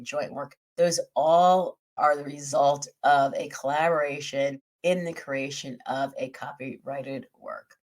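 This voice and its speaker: A woman with a slightly hoarse, scratchy voice, hosting a podcast and methodically explaining a topic through lists and examples. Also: sits low. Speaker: podcast host.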